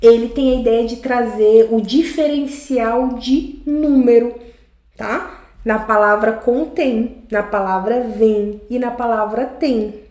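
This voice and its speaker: A woman's voice: a little high, a little mellow. A woman with a Brazilian Portuguese accent, a teacher giving a recorded grammar lesson, explaining step by step and often checking in with the class. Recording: echoey room.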